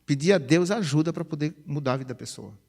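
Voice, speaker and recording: A pastor, preaching a chatty, conversational sermon. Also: male voice, on the high side, quick pace, creaky. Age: 50s. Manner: chatty, animated, peppers phrases with "né?". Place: church sanctuary. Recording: reverberant church hall.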